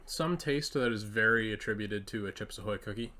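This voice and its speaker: Bright-voiced man doing a casual taste test. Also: on the low side. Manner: halting, with many pauses and fillers. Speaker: co-host of a food review channel. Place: home kitchen.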